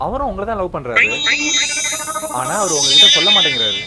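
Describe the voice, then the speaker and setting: Eager meddling matchmaker. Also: male voice, extremely high pitch, huge pitch swings, brisk, full character voice. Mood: reassuring. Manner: reassuring, emphatic. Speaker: friend who helps the lovers. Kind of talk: comedy film dialogue. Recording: film audio with loud music. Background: loud guitar music.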